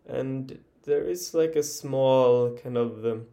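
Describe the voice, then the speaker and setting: In an improvised guided body relaxation, a medium-pitched male meditation teacher talks gently and haltingly. Long pauses run throughout.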